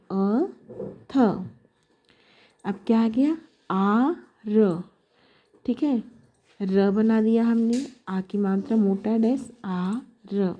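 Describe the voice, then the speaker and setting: Slow, patient woman teaching. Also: mid-range voice. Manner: slow, patient, repeats each letter aloud. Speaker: shorthand teacher. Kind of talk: step-by-step classroom explanation. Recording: dull lo-fi sound with faint noise.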